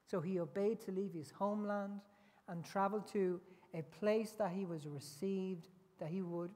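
A middle-aged man delivers a sermon at an unhurried, measured pace. He leans on rhetorical questions to make his points. His voice rings with the long reverb of a big hall and is picked up from a distance. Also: high-pitched, a little mellow. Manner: deliberate, with rhetorical tag questions. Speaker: preacher. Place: large indoor church hall.

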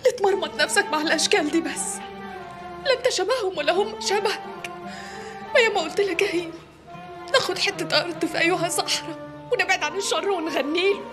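A fiery, sharp-tongued young woman. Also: very high-pitched, fast talker, pauses often, over music. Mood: upset.

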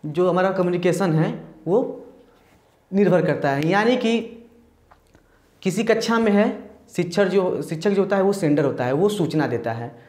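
This step-by-step lecture, recorded classroom-style in an echoey space, comes from a teacher who keeps repeating points, says "ठीक" to check in before continuing, and mixes English terminology into Hindi. The medium-pitched voice has a darkish tone and lively intonation, moving at normal speed with many pauses.

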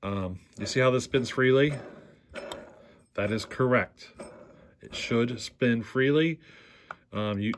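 A man with a mid-range voice, slight background noise around him, walks through a chainsaw repair at a workshop bench. As host of a repair channel, he speaks plainly and unhurriedly and often asks "see how".

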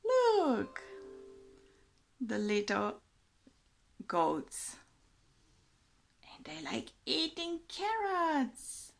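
A woman teacher in her forties reads a picture book aloud to small children, lingering on every word. Her voice sits high and swoops up and down in a lively sing-song lilt. She is recorded close up on a webcam in a small room. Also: gravelly, soft background music. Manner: slow, expressive storytime reading with a sing-song lilt.

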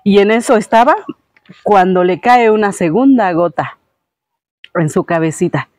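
A woman's voice: mid-range voice, normal speed, darkish tone, dry recording. A woman, a show host retelling a fairy tale casually with lots of fillers. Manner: homely, filler-heavy retelling. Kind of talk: casual storytelling.

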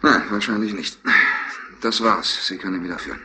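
Guy doing a stubborn polite cop, lowish voice, keeps poking with questions, old radio drama, a bit of hiss. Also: fairly quick, lightly acted. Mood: probing. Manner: probing, mildly apologetic questioning. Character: dogged, polite male police lieutenant. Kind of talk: 1960s German radio crime drama.

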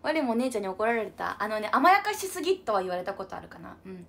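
A young woman hosts a casual livestream, bubbly and chatty as she reads viewer comments aloud, calling herself by an unusual cutesy pronoun. Her medium-pitched voice is creaky, and she talks fast and very animatedly, like a livestream idol.

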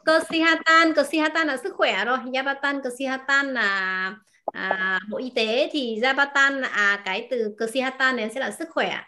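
A woman teaching a language class, repeating words slowly and asking her students questions. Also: high voice, bright, forceful tone. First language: Vietnamese. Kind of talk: explaining vocabulary to a class.

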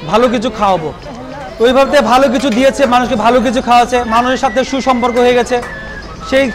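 A man talking through a face mask, speaking hesitantly with many pauses and filler sounds. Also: extremely high pitch. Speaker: grandson of a restaurant founder. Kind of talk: casual interview talk. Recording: loud crowd and music behind.

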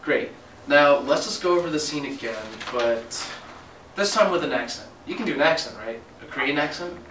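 A young man acting in an amateur student skit as an upbeat, smooth-talking casting producer. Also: on the high side, expressive, normal speed. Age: young adult. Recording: roomy, distant, faint noise.

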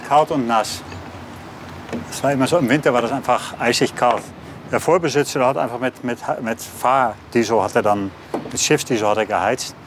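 A man's voice: mid-range voice, normal speed, background noise. A man in his forties talking plainly and hesitantly about his boat, interviewed outdoors on a harbour canal. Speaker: houseboat owner. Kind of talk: casual interview.

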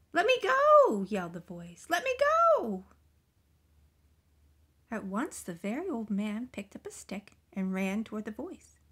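A woman reads a children's picture book aloud in a gentle, expressive storytelling voice. Her lines often sink into soft, breathy whispers before rising again, with a mid-range pitch typical for a woman. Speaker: storybook reader.

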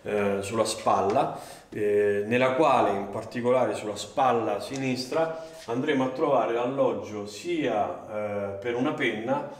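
A man's voice: medium pitch, measured pace. A man in his thirties presenting a product, explaining step by step with frequent fillers and "right?" check-ins. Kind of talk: product demonstration. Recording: roomy studio echo.

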